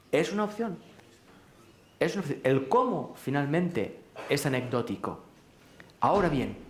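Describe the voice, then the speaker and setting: A man giving a live talk to an audience in a large hall, speaking in a questioning, rhetorical way and gently teasing his listeners. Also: mid-range voice. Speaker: speaker at a public lecture. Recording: roomy hall echo.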